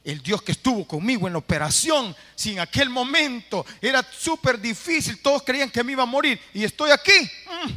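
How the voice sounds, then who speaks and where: A man preaching a sermon as pastor, animated, dramatizing scenes and calling out phrases to his church. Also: very high voice, brisk, hardly any pauses, in a large hall. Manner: animated preaching, acting out voices and shouting phrases. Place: church sanctuary.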